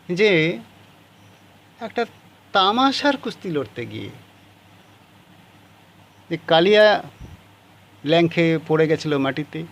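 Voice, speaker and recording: A man's voice: a little high, creaky, a little hiss or hum. A man teaching a class, reading passages of a story aloud and explaining how to write the answers.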